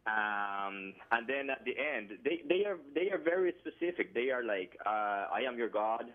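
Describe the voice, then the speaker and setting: Over a tinny phone line, a caller from Colombia talks in a sing-song, mid-range voice at normal speed. His Colombian Spanish accent is clear, and his call-in speech is halting, full of fillers and false starts.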